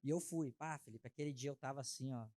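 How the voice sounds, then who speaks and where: A man, sharing his personal testimony as an interview guest in a heartfelt, halting way. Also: mid-range voice, dark tone, no echo. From Brazil. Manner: heartfelt, halting, frequent filler tags.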